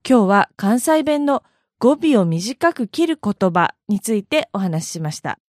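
A woman from the Kansai region with a Kansai accent, hosting an audio blog and narrating a scripted lesson with slow, careful enunciation of example words. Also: mid-range voice, very animated, a little mellow, dry recording, studio quality. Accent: Kansai Japanese. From Kansai, Japan.

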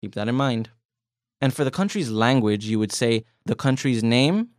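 Here a US man helps run a podcast language lesson, laying things out simply while prodding his partner with questions and small jokes. He speaks at normal speed with a medium pitch and lively intonation. The sound is dry, his voice close to the microphone.

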